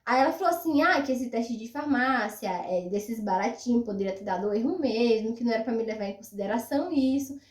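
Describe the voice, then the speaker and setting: A young woman with a high, bright-sitting voice chats animatedly to her viewers, repeating her words for emphasis. She sounds a little off-mic, in a room with a noticeable echo that lingers around her. Her delivery is loose, personal storytelling. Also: animated, a little fast, hardly any pauses. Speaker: vlogger. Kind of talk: casual storytelling to camera. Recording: roomy echo, mic at a distance.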